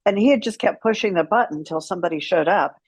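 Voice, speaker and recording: Talking fast in a lowish, slightly mellow and somewhat rough voice, a middle-aged interview guest tells candid stories with a wry edge, acting out past conversations. The recording has no echo.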